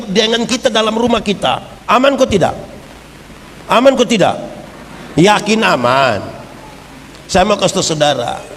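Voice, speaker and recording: A man preaching a humorous sermon as pastor, putting questions to the congregation. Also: on the high side. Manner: lively preaching, jokes, asks the congregation questions. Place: church hall. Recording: reverberant church hall, faint background noise.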